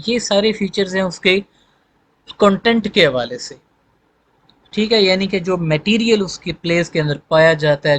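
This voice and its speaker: A man lecturing on literature, explaining step by step, calling students "beta", mixing English terms into his explanation and slowing down when he reads definitions aloud. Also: on the high side. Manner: explains step by step, frequent "theek hai" check-ins; mixes English terms and read-out definitions into Hindi-Urdu. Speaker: literature teacher. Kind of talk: recorded lecture.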